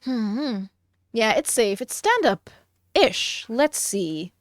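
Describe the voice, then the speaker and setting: A woman's voice: fairly high pitch, sing-song, no echo, studio quality. A woman streamer chatting casually and giggling while she draws on stream. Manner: slow, musing, giggly.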